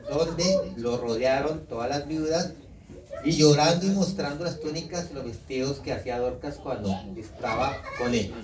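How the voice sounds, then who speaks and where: Colombian man preaching in an echoey hall. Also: a little high. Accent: Colombian Spanish. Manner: lively preaching, teasing the congregation with questions and mock quotes. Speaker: visiting pastor. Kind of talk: sermon. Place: church hall. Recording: echoey hall, mic far off, congregation audible.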